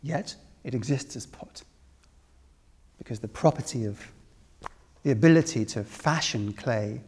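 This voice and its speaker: A Welsh spiritual teacher leads a talk on spiritual philosophy before a live audience, his mid-range voice creaky and soft-edged. He builds each point deliberately, repeating phrases and asking questions. Long hall reverb surrounds him, with a little hiss or hum in the background.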